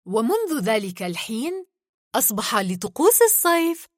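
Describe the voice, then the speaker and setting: A woman narrating a children's story in an expressive, melodic way. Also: fairly high pitch, normal speed, dry recording, studio quality.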